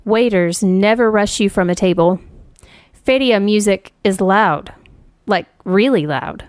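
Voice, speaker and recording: A woman's voice: medium pitch, measured pace, darkish tone, no echo. Dry-voiced woman reading a wry story. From United States. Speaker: writer reading her story. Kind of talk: reading a personal essay.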